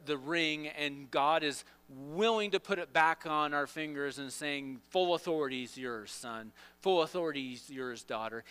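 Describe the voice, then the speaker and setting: A man's voice: fairly high pitch, sharp tone, clear, resonant tone, big-room sound. A man preaching a sermon, telling the story with playful asides and restarts.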